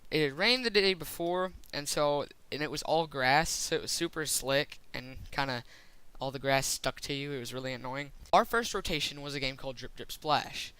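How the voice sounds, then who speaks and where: A young man telling a rambling, excitable story in a casual vlog, full of fillers. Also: fairly high pitch, moderate pace, clear, resonant tone, dry recording, rough recording. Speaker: vlogger.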